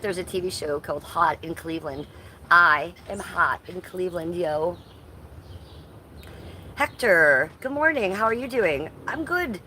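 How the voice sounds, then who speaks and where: This livestream host, a woman in her fifties, has a lowish, sharp-toned voice. She broadcasts casually from her front yard, playfully calling out viewers by name, with faint sounds of roofers working close by.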